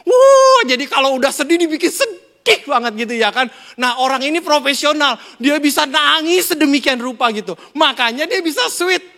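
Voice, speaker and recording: High, bright-voiced preacher. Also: male voice, fairly quick. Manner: lively, conversational preaching with rhetorical questions and jokes. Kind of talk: sermon. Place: church hall during a Sunday service. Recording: long church-hall reverb.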